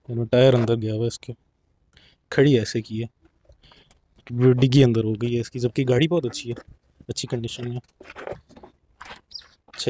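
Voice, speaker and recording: A young male vlogger strolls through an outdoor car lot, chatting casually and explaining things to the camera while mixing in English phrases. His voice is medium in pitch with a dark tone.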